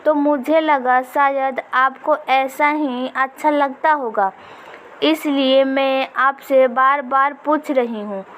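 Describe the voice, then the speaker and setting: A young woman narrating a first-person family story from a script, in a slow, even storytelling manner. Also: high voice, a little hiss or hum, rough recording.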